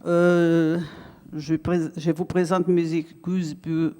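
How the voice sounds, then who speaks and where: Slow Brazilian-accented woman reading a formal lecture. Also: lowish voice, flat delivery, mellow. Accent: Brazilian Portuguese accent in French. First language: Brazilian Portuguese. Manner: careful, halting delivery with stumbles on words. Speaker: theatre critic giving a conference paper. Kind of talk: formal lecture read from a prepared text. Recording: long hall reverb.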